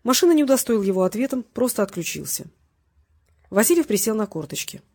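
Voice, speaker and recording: A woman narrating a crime novel audiobook in steady, even scripted narration. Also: fairly high pitch, a little fast, breathy edge.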